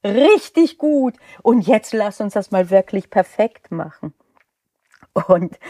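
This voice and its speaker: A woman's voice: mid-range voice, a little mellow, no echo, clean studio sound. A middle-aged woman, a law lecturer, talking candidly in a reflective podcast monologue. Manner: candid, personal, explanatory.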